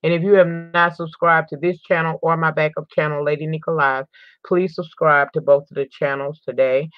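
A woman's voice: low voice, level tone, normal speed, no echo. A woman hosting a crime news channel, reading an article aloud and adding emphatic, indignant commentary, sometimes stumbling and restarting as she reads. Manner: emphatic and indignant, repeats words for stress. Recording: dry, dull lo-fi recording.

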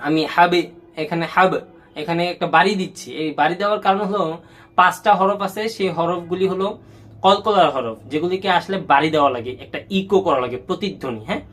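A man teaching Quran reading step by step. He spells out letter combinations slowly, then blends them, and talks in a colloquial way with English words mixed in. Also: high-pitched, fairly bright tone. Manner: colloquial, mixes English words into his talk.

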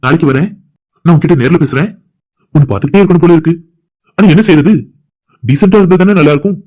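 A man voicing a lovesick young village man in a cartoon, speaking a soft, sincere inner monologue. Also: on the high side, racing, soft background music, natural voice. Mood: longing. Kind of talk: cartoon voice acting.

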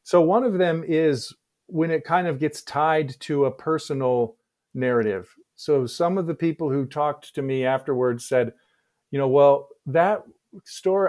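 A middle-aged man answering interview questions on a video call, speaking in a measured, thoughtful way with frequent restarts, on a headset mic in a home office. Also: fairly high pitch, a little mellow. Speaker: guest historian.

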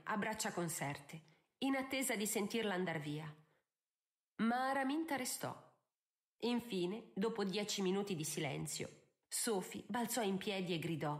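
A woman narrating a novel in an audiobook, measured and expressive. Her voice sits at a middle pitch. She moves through the scenes with clear, steady storytelling.

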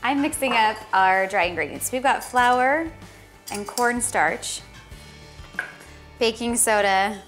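Calm woman walking through a recipe. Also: fairly high pitch, takes it slowly, long pauses. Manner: calm, instructive, explains each step. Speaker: cooking show guest chef. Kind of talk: recipe demonstration. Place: home-style studio kitchen. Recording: studio kitchen with background music.

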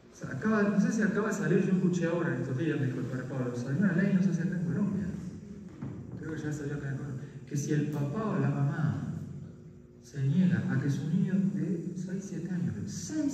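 Male priest, impassioned lecturer, lively swooping delivery, recorded far off in a reverberant hall. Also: on the high side, a little hiss or hum. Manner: impassioned, full of rhetorical questions. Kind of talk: lecture to young people.

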